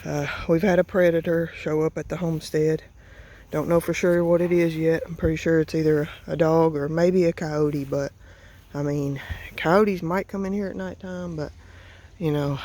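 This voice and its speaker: A middle-aged homestead vlogger with an Appalachian accent talks hurriedly and emotionally in a casual vlog, out of breath. Her voice sits low and has a dark tone.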